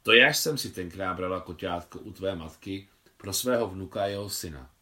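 A man's voice: low-pitched, sharp tone. A man reading a novel aloud, voicing an imperious older woman who speaks bluntly and knowingly. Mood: commanding.

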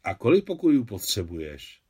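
A man reading the lines of a gentle, wealthy woman benefactor in a novel, softly and measuredly. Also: mid-range voice, lively intonation. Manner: soft, measured.

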